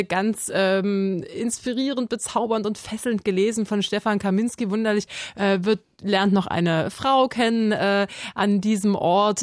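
A woman's voice: medium pitch, dry recording, clean studio sound. Hesitant woman reviewing an audiobook. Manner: hesitant, many restarts. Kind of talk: casual review chat.

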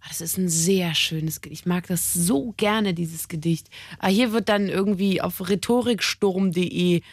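A woman hosts a relaxed radio conversation, joking and teasing as she goes. She rambles a little, with plenty of fillers and restarts. The sound is dry and close. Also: lowish voice, a little slow, no echo. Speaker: radio host. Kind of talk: casual radio chat.

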